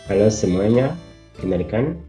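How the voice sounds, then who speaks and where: A young man with a Ugandan accent speaks Indonesian as a foreigner would, in simple, halting phrases. His voice is low and mellow, and he takes his time, speaking slowly through a personal testimonial. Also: lively intonation, soft background music. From Uganda, East Africa. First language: not Indonesian, learned as a foreigner. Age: young adult. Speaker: international master's student.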